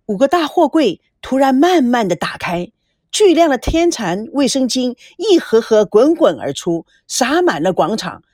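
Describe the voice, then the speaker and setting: Lively woman reading a story aloud. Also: a little high, unhurried, no room sound, studio quality. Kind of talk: scripted narration.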